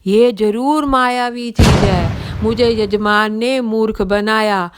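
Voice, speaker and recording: A woman voicing an irritable, easily confused male village priest in an audio story, scolding and shouting in disbelief. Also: fairly high pitch, steady tone, slow pace, very noisy. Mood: bewildered.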